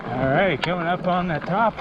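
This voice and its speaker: A man's voice: sits high, normal speed. A man narrates a casual outdoor adventure vlog in a folksy, enthusiastic way. Strong wind noise runs behind his voice, and the sound is somewhat dull and lo-fi. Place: outdoors in windy open desert. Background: blowing wind.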